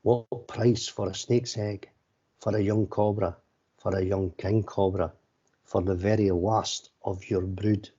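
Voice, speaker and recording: A man's voice: fairly low pitch, little pitch movement, unhurried, mellow, husky. A man reading as Rikki Tikki, taunting storybook mongoose. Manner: challenging, taunting. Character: brave taunting male mongoose, storybook hero. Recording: slightly dull, lo-fi sound.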